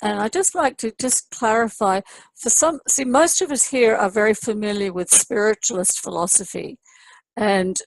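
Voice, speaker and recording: A woman's voice: medium pitch, moderate pace, gravelly, dry recording, poor audio. A woman hosting a panel interview, asking questions in a polite, inquiring way. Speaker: host.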